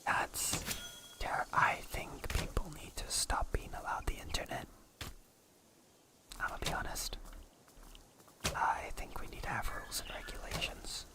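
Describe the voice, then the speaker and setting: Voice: unhurried, long pauses. A game streamer whispering close to the microphone during a live stream, playfully teasing viewers and breaking into jokey, mock-outraged asides.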